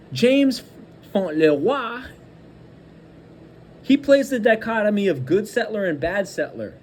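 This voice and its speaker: The host of a political commentary show, a man with a high-pitched voice, rants angrily and combatively, throwing insults and driving his points home through repetition. A little hiss or hum sits in the recording.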